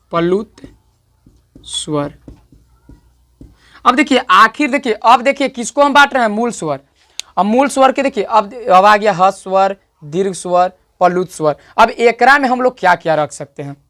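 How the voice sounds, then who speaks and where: A man's voice: high-pitched, unhurried, pauses often, pushed and bright. A male teacher giving an online grammar lesson, repeating points and often checking that students follow. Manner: repetitive, checks understanding often; stretches out sounds to demonstrate vowel length.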